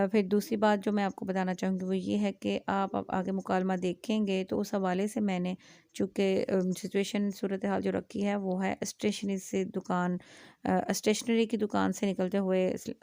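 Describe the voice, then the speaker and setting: A woman's voice: mid-range voice, little pitch movement, creaky, mellow, no echo. A young adult woman teaching an Urdu writing lesson, explaining step by step and spelling words letter by letter, often checking with her students. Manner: frequent "aa" fillers, asks "theek hai?". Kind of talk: classroom lecture.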